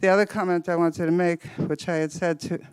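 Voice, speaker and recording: A man with a fairly high, smooth, clear voice speaks close and dry, slightly out of breath. He talks in a thoughtful, measured way on a therapy panel, at an even pitch. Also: no echo, poor audio. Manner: thoughtful, measured, cites theory. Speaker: psychotherapist panelist. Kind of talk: panel discussion comment.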